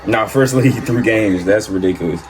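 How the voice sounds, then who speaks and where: A man reacting casually to football highlights, excitable, repeating exclamations and talking back at the players. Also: normal speed, crowd noise. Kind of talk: casual sports reaction commentary.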